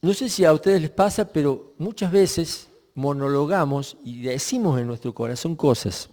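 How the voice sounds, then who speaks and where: A man preaching a Sunday sermon, reflective and unhurried, often pausing and restarting his sentences. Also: fairly high pitch, dark tone, in a large hall. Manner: reflective, with many pauses and restarts.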